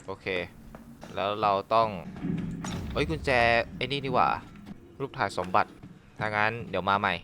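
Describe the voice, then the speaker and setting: A man's voice: on the low side, normal speed, long pauses, background noise. A man playing a horror game and talking to himself, swearing and shrieking when startled. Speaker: gaming streamer. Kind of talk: let's play commentary.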